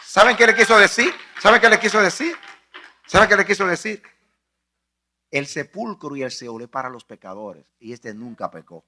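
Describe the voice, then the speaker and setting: A male pastor preaching a sermon, emphatic, repeating phrases and swinging from hushed to loud. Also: high voice, lively intonation, normal speed, a little hiss or hum.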